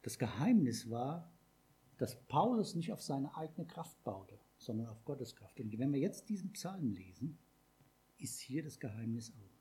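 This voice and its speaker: Husky man preaching. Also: medium pitch, very animated, measured pace, warm tone. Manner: conversational preaching with rhetorical questions to the congregation. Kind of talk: sermon.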